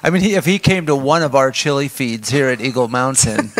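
A man's voice: medium pitch, animated, a little fast. A male guest on a talk show, chatting and guessing answers in a jokey, enthusiastic way. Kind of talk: casual chat.

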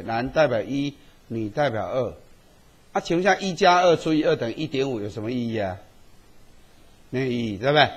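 A man's voice: mid-range voice, slightly rough. A man teaching a statistics class, tagging his sentences with little checks to the students. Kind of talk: classroom lecture.

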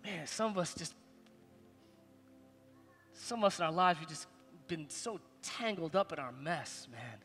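A man in his forties preaching a sermon as pastor, animated, swinging between loud high bursts and quiet low asides. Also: a little slow, long pauses. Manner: animated, preaching with big swings in loudness and pitch. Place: large stage in a church hall. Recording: long hall reverb, faint music behind.

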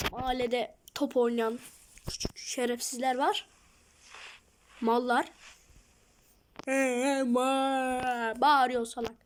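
A woman's voice: sits high, a little hiss or hum. A woman hosting her gaming channel, jumpy and self-mocking, talking to herself through a horror game at home. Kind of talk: horror game let's play commentary.

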